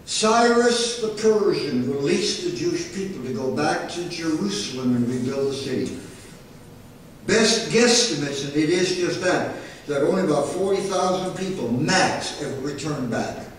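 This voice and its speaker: Guy preaching a sermon, folksy and emphatic, kinda high voice, big echo, mic sounds far off. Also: animated, moderate pace, slight background noise. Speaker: pastor. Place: church sanctuary. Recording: echoey sanctuary, mic far off.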